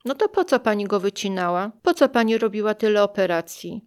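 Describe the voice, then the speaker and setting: A woman voicing a brisk, detached female oncologist who speaks quickly and flatly. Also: mid-range voice, smooth, close to an everyday voice. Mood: curt, cold.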